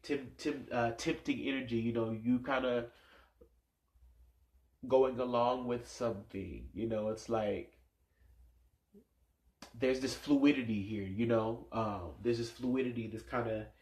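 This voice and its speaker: A tarot reader with a stuffed-up nose muses over his cards in a casual vlog, rambling and using many fillers. His voice is medium-pitched, and the room sounds echoey.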